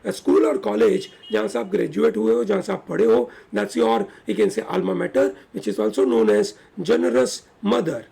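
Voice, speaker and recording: A man's voice: sits high, slow pace, gravelly, few pauses, mellow, slightly rough. A man with an Indian English accent teaching an online exam-prep vocabulary lesson, switching between Hindi and English and often asking "yes or no".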